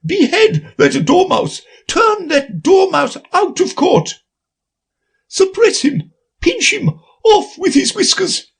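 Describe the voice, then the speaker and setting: A man voicing a furious queen in a storybook reading, shrill and screaming orders. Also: very animated, takes it slowly, vocal fry, exaggerated voice.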